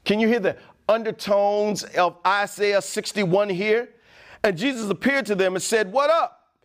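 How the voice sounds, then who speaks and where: A male pastor preaching a sermon in an animated way, dropping slang asides. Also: high-pitched, a little slow.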